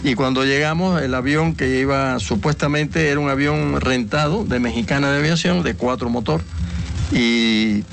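A man's voice: medium pitch, normal speed, gravelly, soft background music. An older man from Cuba recounting his life story as an interview guest, rambling with many fillers and restarts.

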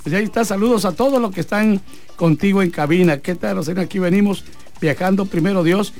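A man's voice: sits high, fast talker, darkish tone, soft background music. A Mexican man hosting a sports radio show from a radio booth, chatting and reading out listener messages. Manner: chatty, reads messages aloud and adds advice.

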